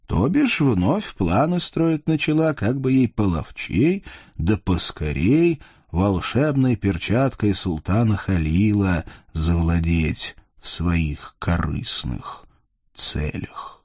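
A man's voice: on the low side, sing-song, slow, darkish tone, breathy edge, no echo, studio quality. A man narrating a fairy tale in a playful, folksy way, addressing the readers. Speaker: storyteller. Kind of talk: expressive audiobook narration.

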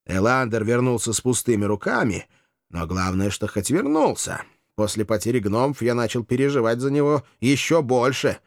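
A man's voice: mid-range voice, very animated, normal speed, dry recording, studio quality. A man narrating a comic fantasy audiobook in the first person, with a wry, ironic manner.

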